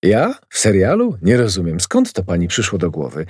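A wary, scheming man in an audiobook, read by a male narrator. He talks smoothly and coaxingly and keeps a straight face when he lies. The voice is husky and dry, close to the reader's own. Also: sits low, huge pitch swings, normal speed, darkish tone, dry recording, full character voice. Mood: puzzled. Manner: smooth, ingratiating. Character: wary, scheming grown man, a calm liar.

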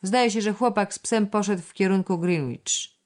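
A woman's voice: mid-range voice, normal speed, a little mellow, pitched above the performer's own voice, close to an everyday voice. A woman reading aloud and voicing a male policeman, speaking in a plain, official way. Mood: matter-of-fact. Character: matter-of-fact male policeman.

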